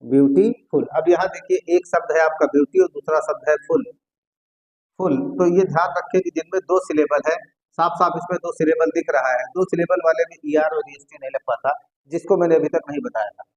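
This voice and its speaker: A man teaching an English grammar lesson, often repeating key words slowly as he writes them on the board. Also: on the high side, dull audio.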